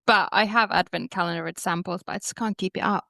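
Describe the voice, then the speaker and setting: A woman's voice: on the low side, steady tone, quick pace, gravelly, pushed and bright, no echo, clean studio sound. A woman co-hosting a podcast over a remote call, chatting casually, rambling and correcting herself with laughs. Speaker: podcast co-host. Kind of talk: casual chat.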